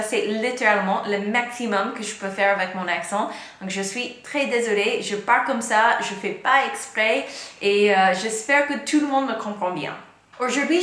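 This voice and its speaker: A woman's voice: mid-range voice, fairly bright tone. A young woman from the United States with a strong American accent, a native English speaker, chatting casually to camera as a vlogger and stringing her thoughts together. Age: young adult. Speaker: YouTube vlogger. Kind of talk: casual direct-to-camera vlog. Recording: echoey room.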